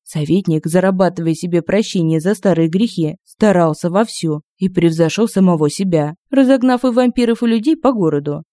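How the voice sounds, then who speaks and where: A woman reads a comic fantasy story aloud with expressive, lively delivery. Her voice is mellow and soft-toned, and it sits close on a dry home-studio mic. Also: lowish voice, a little fast, few pauses, dry recording. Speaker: audiobook narrator. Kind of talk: scripted narration of humorous fantasy.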